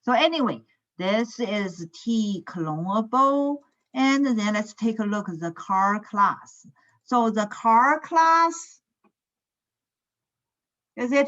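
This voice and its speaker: A computer science lecturer teaches an online class, captured through a screen recording of a video call on a computer mic, so the sound is lo-fi. Her mid-range voice moves slowly, and she keeps checking "is it?" and filling pauses with "uh."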